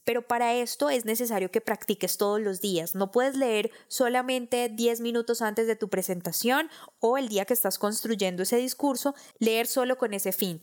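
Woman hosting a speaking-skills podcast. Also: on the high side. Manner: clear, instructive, addressing the listener directly. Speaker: podcast host. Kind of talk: scripted podcast lesson on public speaking. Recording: section headings read over loud electronic music.

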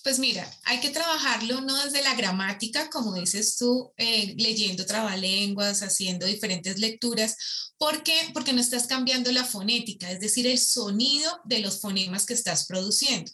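A woman's voice: fairly high pitch, normal speed, pushed and bright. A woman, a voice and speech coach answering interview questions and demonstrating vocal exercises aloud.

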